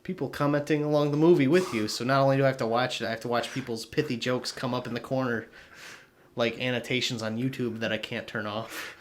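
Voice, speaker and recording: Male podcast co-host, mid pitch, animated and profane, casual banter. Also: quick pace, a little hiss or hum. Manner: animated, swearing, laughs often. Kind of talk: casual chat.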